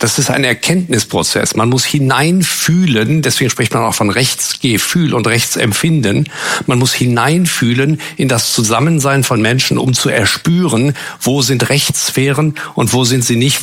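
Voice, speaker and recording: Husky guy explaining law on a panel, kinda lecturing. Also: mid-range voice, a bit bright. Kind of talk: panel discussion before an audience.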